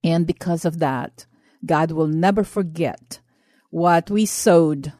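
A woman's voice: low-pitched, takes it slowly, dark tone, dry recording, studio quality. Earnest Filipino woman giving testimony. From Philippines. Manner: earnest, impassioned. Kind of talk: personal testimony and exhortation.

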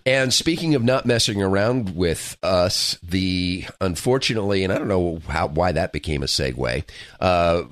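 A man co-hosts a talk radio show, talking casually and stopping often to find his words. His voice is low and he is just getting over the flu. The studio recording is dry and close. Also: lively intonation, normal speed, no echo. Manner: conversational, frequent fillers and restarts. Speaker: radio co-host.

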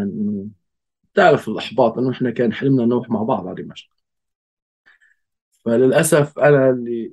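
A man with a Levantine Arabic accent telling a personal story in conversation, in a reflective, halting way with pauses and trailing phrases. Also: lowish voice, a little mellow, poor audio. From Golan Heights. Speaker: interview guest.

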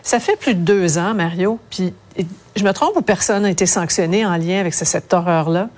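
A woman's voice: on the low side, expressive, a little mellow. Woman news host. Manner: brisk, leads with questions, frequent brief agreements. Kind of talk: hosting a news panel.

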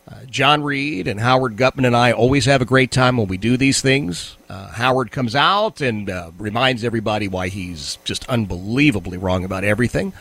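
Male talk show host, medium pitch, off-the-cuff and conversational, breaks off and repeats phrases to stress points. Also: normal speed, few pauses, a bit bright. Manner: conversational, self-interrupting, repeats phrases for emphasis. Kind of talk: casual, off-the-cuff talk radio monologue.

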